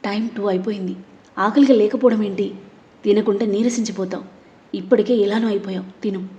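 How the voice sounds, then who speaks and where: A woman's voice: mid-range voice, fairly even intonation, brisk, dark tone, highs cut off, lightly acted. A woman voicing an anxious young man who pleads urgently in a scripted audio story. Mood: coaxing.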